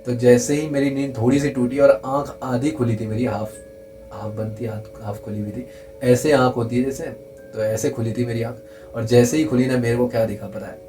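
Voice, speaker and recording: In casual conversation, a young man earnestly recounts a true scary story, repeating things for emphasis and hushing his voice at tense moments. He speaks at medium pitch with little variation and a moderate pace, over soft background music in poor-quality audio.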